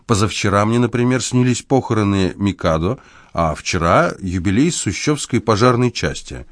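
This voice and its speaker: A man plays a smooth, confident young swindler, breezy and playful with good-humored, mock-serious jokes. His voice is lowish with lively intonation at a moderate pace, recorded dry and natural.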